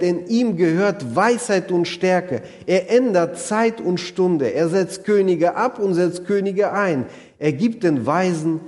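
A man's voice: sits high, a little mellow. A man preaching a sermon, earnestly speaking straight to his listeners and retelling stories vividly. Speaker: pastor. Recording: long hall reverb.

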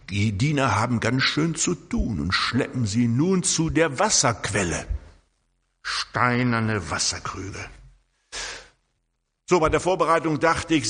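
An older man preaching a sermon, telling stories in a lively way and often tagging his sentences with a questioning "right?". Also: mid-range voice, moderate pace, hardly any pauses, slightly rough, long reverb tail. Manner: lively storytelling with frequent tag questions.

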